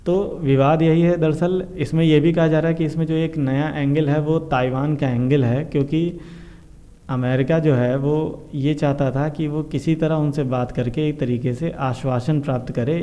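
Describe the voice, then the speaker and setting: Hosting a current affairs explainer for viewers, this Indian man speaks informally, repeating and explaining points while slipping in English terms. His voice is a little high and mellow, heard through dull, muffled lo-fi audio.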